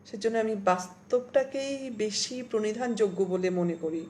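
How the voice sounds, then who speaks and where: A woman poet with a Bengali accent, reciting verse slowly and talking casually between poems on a live stream. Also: medium pitch, darkish tone, slight background noise. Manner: slow, measured recitation broken by chatty asides to viewers. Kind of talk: poetry recitation and casual talk. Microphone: phone or laptop mic on a live stream.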